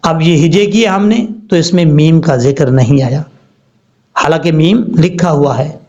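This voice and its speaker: A man teaching Quran recitation rules with a Pakistani Urdu accent, spelling out words slowly, letter by letter. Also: a little high, a little mellow. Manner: slow, deliberate letter-by-letter spelling. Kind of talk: spelling-out tajweed lesson. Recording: dull lo-fi recording.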